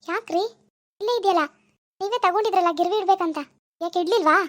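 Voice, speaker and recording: A woman voicing a flustered young village wife in a cartoon, pleading her innocence in a very high, quick voice. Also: fairly bright tone. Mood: pleading confused. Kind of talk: cartoon voice acting.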